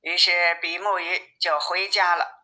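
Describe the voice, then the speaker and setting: A woman with a somewhat low voice tells a children's fairy tale in steady, expressive narration. Her tone is very bright and sharp. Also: measured pace, low-quality recording. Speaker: storyteller.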